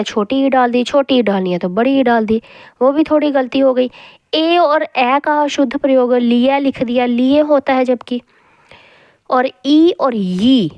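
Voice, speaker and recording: A woman teaching a Hindi grammar lesson, speaking slowly and repeating each word as she drills spellings aloud. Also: high-pitched, no room sound, dull audio. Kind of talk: classroom lesson explaining spelling.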